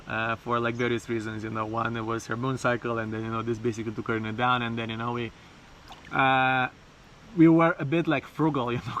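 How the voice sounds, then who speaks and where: A man talking casually and haltingly in an unscripted personal vlog, repeating words and speaking informally, outdoors. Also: medium pitch, pushed and bright, a little hiss or hum. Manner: informal, sprinkled with swearing and bro. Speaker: vlogger. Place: outdoors, bathing in a river.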